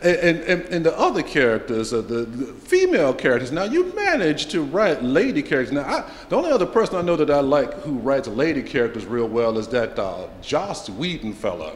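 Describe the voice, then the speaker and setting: A man's voice: medium pitch, wildly swooping pitch, fairly quick, hardly any pauses. A man interviewing a filmmaker in a casual, playful way, stumbling over repeated words. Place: film festival venue. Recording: echoey hall with faint ambience.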